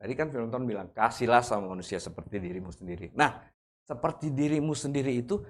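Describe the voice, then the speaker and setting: A man's voice: medium pitch, lively intonation, fast talker. A man preaching a sermon in a casual, conversational way. He often calls the congregation "brothers and sisters" and asks them to say amen. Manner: acts out shouting examples for contrast. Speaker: pastor.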